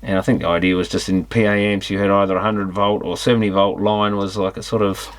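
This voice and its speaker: Fast and with little pitch movement, a man with a lowish voice muses casually over a teardown he's presenting as an electronics repair hobbyist. The commentary is unscripted, thinking aloud as he examines things, with slight background noise.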